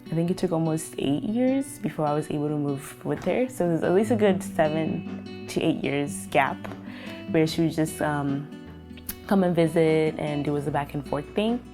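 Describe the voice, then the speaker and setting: Low-voiced young woman from Kenya. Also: moderate pace, music in the background. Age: young adult. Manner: reflective, with frequent fillers. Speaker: interviewee. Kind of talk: documentary interview.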